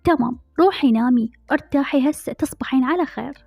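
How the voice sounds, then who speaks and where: A woman's voice: high voice, quick pace, creaky, a little mellow, no room sound. A woman with an Iraqi accent voicing a caring young man on the phone who presses with urgent questions. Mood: curt. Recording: dull lo-fi recording with faint music.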